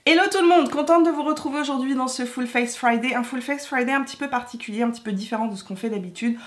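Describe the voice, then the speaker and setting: A woman from France chatting in a get-ready-with-me video, lively and talkative with frequent fillers. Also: high-pitched, fast talker. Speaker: beauty YouTuber. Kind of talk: get-ready-with-me chit-chat.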